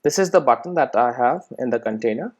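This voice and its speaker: Talking fast with a mid-range voice and lively intonation, a male instructor delivers an off-the-cuff software walkthrough one step at a time, peppering it with short tag questions to confirm understanding.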